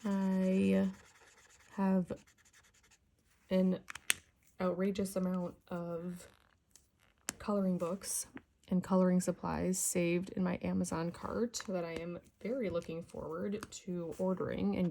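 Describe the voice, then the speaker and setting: Recorded at home with slight background noise, this woman hosts a coloring channel and chats casually as she works. Her raspy voice is fairly low in pitch, and her soft, relaxed, somewhat self-conscious delivery often fades to a half whisper.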